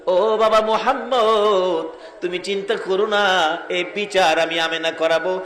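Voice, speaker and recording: A man's voice: high voice, fairly even intonation, unhurried, fairly bright tone, soft background music. A male preacher voicing a tender mother who comforts her weeping son, half-singing her words in an echoey hall. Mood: soothing. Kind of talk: sung sermon storytelling. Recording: echoey hall with long reverb.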